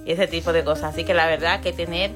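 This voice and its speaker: A woman's voice: on the low side, fairly even intonation, fast talker, over music. A woman from the Dominican Republic co-hosting a talk show, sharing personal memories in a friendly way. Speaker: co-host. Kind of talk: radio talk show conversation.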